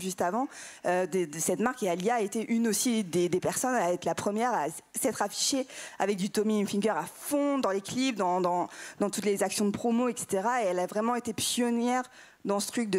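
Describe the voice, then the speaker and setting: A woman speaking on a conference panel, explaining at length with frequent pauses and hesitations. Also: mid-range voice, darkish tone. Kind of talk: conference talk. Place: conference room with audience.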